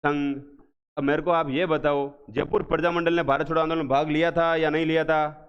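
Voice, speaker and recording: A man teaching an exam revision class, asking questions again and again and answering them slowly and with emphasis. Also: a little high, clean tone. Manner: drills students with repeated questions, slow emphatic answers. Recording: echoey hall, dull lo-fi sound.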